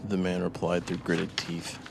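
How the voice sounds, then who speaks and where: A man narrating a scripted horror story with a dramatic delivery that moves between hushed menace and eager swells. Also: low voice, completely flat delivery, unhurried, vocal fry, a little hiss or hum.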